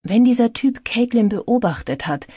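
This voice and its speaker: A woman reading an audiobook, voicing a tired, stubborn female detective who speaks gently. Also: on the high side, expressive, normal speed, husky, no room sound, clean studio sound, voice pushed up.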